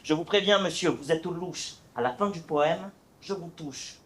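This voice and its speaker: Brief: male actor as a boastful big-nosed poet swordsman on stage, high voice, slow and hesitant delivery. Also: close to an everyday voice. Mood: defiant. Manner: proud, teasing, theatrical recitation with hesitant fillers. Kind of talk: amateur stage play performance.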